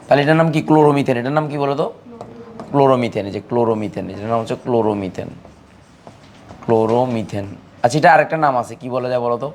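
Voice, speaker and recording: A man's voice: mid-range voice, rapid-fire, a little hiss or hum. A man teaching a chemistry class, repeating key terms and quizzing his students, sometimes teasing and scolding them. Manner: repetitive, drilling students with questions. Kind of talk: classroom lecture.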